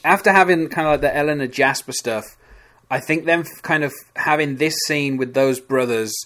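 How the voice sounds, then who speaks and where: A man's voice: a little high, normal speed, a bit bright. Hesitant man on a podcast. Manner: hesitant, many restarts and "kind of". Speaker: podcast co-host. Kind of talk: casual chat.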